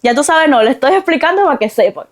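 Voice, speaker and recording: A Cuban woman with a Cuban accent giving travel tips in a fast, high, chatty voice. She rambles a little and speaks frankly to her viewers, like a casual vlogger. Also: lively intonation. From Cuba. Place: Mexico.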